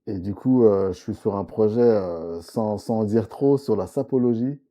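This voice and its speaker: A man's voice: fairly low pitch, normal speed, mellow. A man from Congo-Brazzaville, a comics author, speaking earnestly as a guest in a casual interview, with frequent restarts. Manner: earnest, many restarts and fillers, agrees often.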